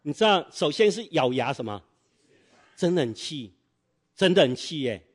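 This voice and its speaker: A man's voice: fairly high pitch, very animated, moderate pace, husky. A middle-aged man preaching a sermon in church, telling a story and quizzing the congregation with fill-in-the-blank questions.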